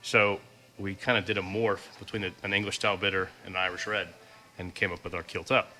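Bright-voiced man talking haltingly. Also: low voice, flat delivery. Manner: halting, repeats words. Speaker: brewery staff guest. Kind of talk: casual chat.

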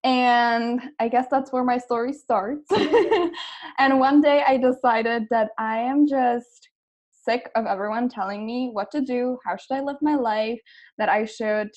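A woman's voice: on the high side, dull audio. A woman from the Czech Republic, in her thirties, a guest coach on a podcast, giggly and enthusiastic, laughing often as she talks. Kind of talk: casual podcast interview.

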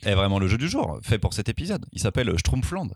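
A man's voice: on the low side, big pitch swings, fast, breathy edge, no echo, clean studio sound. A man hosting a casual podcast quiz game, playful and laughing often. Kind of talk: casual group chat.

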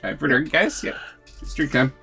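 A man's voice: mid-range voice, expressive, a little fast, vocal fry, music in the background. A man hosting a podcast in an easygoing, joking manner. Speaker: podcast host. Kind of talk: casual podcast chat.

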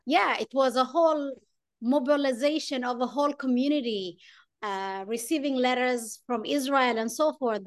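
A middle-aged woman from Ethiopia, a chef telling her story in a podcast interview, speaking with many pauses and fillers. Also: on the high side. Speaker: chef and guest.

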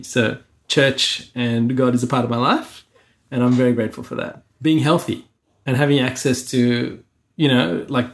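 A middle-aged man with a gravelly edge to his voice chats on a podcast. He sounds earnest and reflective as he goes through a list item by item. His pitch sits in the middle for a man. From Sri Lanka. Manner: earnest, reflective, lists things one by one. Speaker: podcast co-host. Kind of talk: casual podcast chat.

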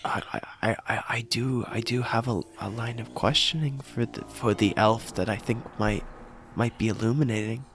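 A man playing a tabletop game, questioning in character with a halting, stammering delivery that repeats words. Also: medium pitch, steady tone, a bit bright, faint music behind. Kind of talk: improvised role-play, questioning in character.

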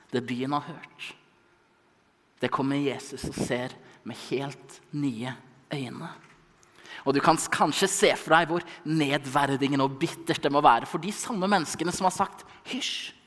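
Young guy preaching, bit high voice, dramatic storyteller going loud then hushed, long echoey church reverb. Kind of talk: sermon. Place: church service hall.

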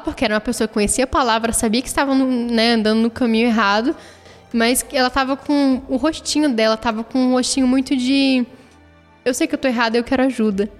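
A woman telling a personal faith testimony in an earnest, emotional way. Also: a little high. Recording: long reverb, soft music behind.

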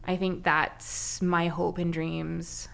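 A woman answering interview questions about her education project in an earnest, measured way. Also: lowish voice, flat delivery, vocal fry, a bit bright.

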